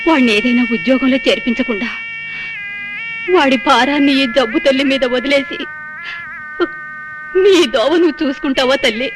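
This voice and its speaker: A woman's voice: sits high, normal speed, pauses often, close to an everyday voice. An actress playing an ailing, hard-of-hearing old mother who complains and fusses in a film comedy. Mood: pleading. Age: older. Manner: plaintive, fussing, scolds gently. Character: old sickly mother, half-deaf and complaining. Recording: film soundtrack with music under.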